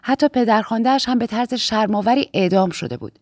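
A woman narrating a first-person audiobook in a steady, even reading voice. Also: on the high side, dry recording, clean studio sound.

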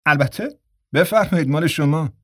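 A man performs a friendly young actor in a voice pitched higher than his own, though it still sounds natural. The recording is dry and clean, with studio quality.

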